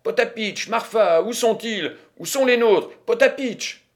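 A man voicing a stubborn, excitable old grandmother at a gambling table in an audiobook reading, with a shrill, scolding, insistent manner. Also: moderate pace, natural voice. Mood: exultant.

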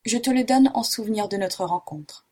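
A kindly nobleman addressing a child gently and in measured phrases, read by a woman. Husky, breathy tone, storybook style. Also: medium pitch, close to an everyday voice. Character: kindly, fatherly nobleman traveller.

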